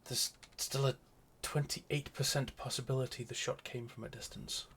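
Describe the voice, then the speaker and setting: A man's voice: mid-range voice, fairly even intonation, normal speed, fairly bright tone, a little hiss or hum. A man streaming a video game, reading dialogue aloud with wry, mumbling commentary. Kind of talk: casual gameplay commentary.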